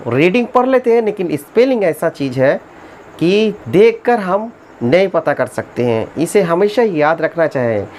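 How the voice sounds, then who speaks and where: A woman teaching a spelling lesson in Hindi, spelling English words slowly letter by letter and urging viewers to subscribe. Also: lowish voice, very animated, darkish tone, slight background noise.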